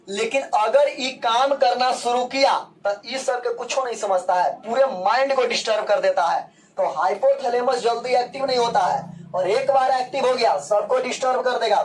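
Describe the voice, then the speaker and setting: A man's voice: extremely high pitch, moderate pace, distant mic. Brief: male teacher, playful lecturing, mic set back in a classroom. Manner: lively, playful, acts out scenes in dialect.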